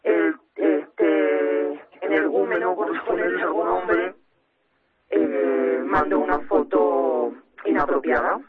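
Mujer con voz distorsionada y grave. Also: female voice, fairly even intonation, slow, phone-quality sound, a loud crowd. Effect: voice distorted and pitched down to hide her identity. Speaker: mother interviewed as radio guest. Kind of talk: personal account in a radio interview.

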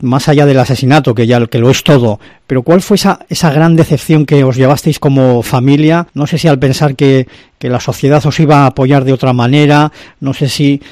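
Measured male radio host, dry studio. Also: mid-range voice, warm tone, no room sound. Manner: measured, probing questions. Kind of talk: radio interview.

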